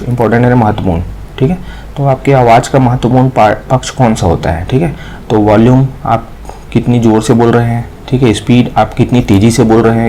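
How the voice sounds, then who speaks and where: An Indian man teaching, who goes through exam questions, reads each English question out slowly and explains it with many repeated fillers. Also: medium pitch, warm tone, slight background noise, poor audio. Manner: repeats each point and adds a filler after nearly every line. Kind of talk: exam question walkthrough lesson.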